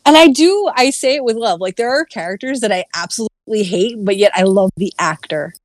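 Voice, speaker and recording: A woman co-hosting a casual chat, rambling with many fillers and trailing off quietly. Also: medium pitch, animated, a little fast, dry recording, clean studio sound. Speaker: podcast co-host.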